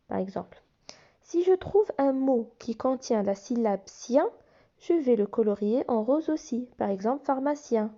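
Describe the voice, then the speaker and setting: A woman's voice: fairly high pitch, mellow, muffled recording. A woman teacher walking young children through phonics exercises, patiently spelling out letters and sounds. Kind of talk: phonics lesson explaining workbook exercises.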